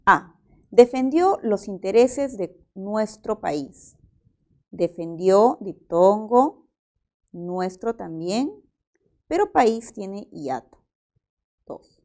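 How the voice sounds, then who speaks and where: Slow methodical woman teacher. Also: mid-range voice, darkish tone. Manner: slow, methodical, works through each example aloud. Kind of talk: exam-prep language lesson.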